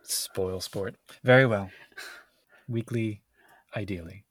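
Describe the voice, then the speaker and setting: A man's voice: lowish voice, takes it slowly, no room sound. A man co-hosting a podcast in casual conversation, recorded inside a closet at home. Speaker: podcast co-host.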